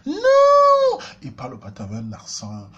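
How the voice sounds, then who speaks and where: A man with a Cameroonian French accent telling a comic story, swinging between loud outbursts and low asides. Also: lively intonation, fast, muffled recording. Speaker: comedian.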